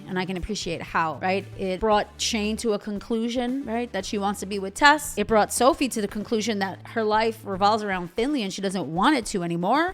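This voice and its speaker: Chatty opinionated woman recapping TV. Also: on the high side. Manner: chatty, opinionated, quotes characters in passing. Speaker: TV recap host. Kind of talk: casual episode recap.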